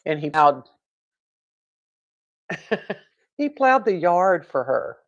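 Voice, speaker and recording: A woman's voice: sits low, big pitch swings, very slow, highs cut off. A woman hosting a casual live stream from home, rambling, laughing and answering viewer comments.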